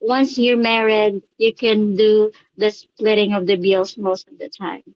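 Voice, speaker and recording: Filipina woman giving thoughtful, halting interview answers, muffled dry recording. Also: mid-range voice, little pitch movement, dry recording. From Philippines. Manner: hesitant, thinking aloud with fillers.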